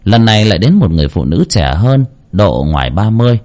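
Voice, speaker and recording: A man's voice: on the low side, sing-song, quick pace, darkish tone. Man narrating a spooky story. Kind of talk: scripted horror story narration.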